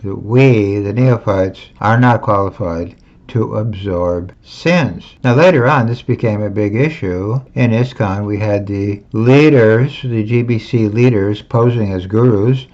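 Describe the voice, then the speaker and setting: A man's voice: fairly low pitch, slow pace, darkish tone. An older man recounting his own recollections in an emphatic, repetitive way, with wry chuckles. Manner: emphatic, repeats points, chuckles wryly. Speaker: former disciple recounting movement history. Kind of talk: personal monologue of recollections. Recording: dull lo-fi recording.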